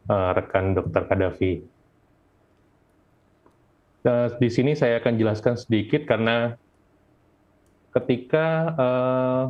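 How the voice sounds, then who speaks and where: An Indonesian man presenting informally in a webinar, his voice muffled by a face mask. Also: on the low side. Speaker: volunteer presenter. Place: at home. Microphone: video call. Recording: dull, lo-fi video call.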